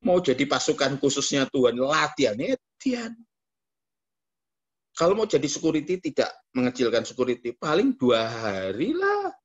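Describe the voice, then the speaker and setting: A man with a Javanese accent preaching a lively sermon as pastor, jumping into mock voices and quoted asides. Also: medium pitch, normal speed, lo-fi sound.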